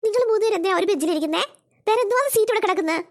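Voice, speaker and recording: A woman's voice: extremely high pitch, rapid-fire. A woman voicing a strict new class teacher in a cartoon, firmly lecturing the children. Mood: scolding. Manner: firm and scolding, lecturing the class.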